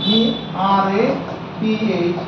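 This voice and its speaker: A man with a high voice teaches at a very slow pace, spelling each word out letter by letter and saying it again and again. He sits back from the mic in a strongly echoing room, and the recording sounds dull and lo-fi. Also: steady tone, recorded from a distance, noisy background. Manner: spells words letter by letter and repeats them slowly. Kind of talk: slow spoken lesson.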